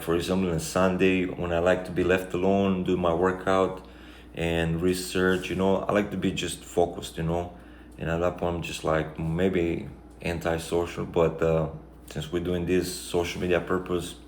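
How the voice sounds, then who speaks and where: Deep flat-voiced Romanian man. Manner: reflective, rambling, many fillers. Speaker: vlogger. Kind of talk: casual life-update monologue. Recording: echoey room, faint background noise.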